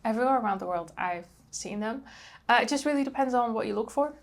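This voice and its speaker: A young Dutch woman vlogs about travel, chatting casually to the camera in a Dutch accent. Her voice is a little high and animated, and she talks fast, dropping frequent ums and likes.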